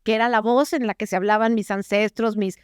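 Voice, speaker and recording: A woman, a clinical psychologist giving an interview, explaining her ideas in a lively way and acting out inner voices. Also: medium pitch, a little fast, clean tone, dry recording, studio quality. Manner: animated, acts out inner voices while explaining.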